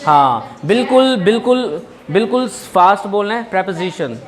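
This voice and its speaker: A man's voice: high voice, animated, moderate pace. A young male teacher in a classroom, explaining English grammar in Hindi mixed with English and joking with students. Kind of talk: classroom lesson.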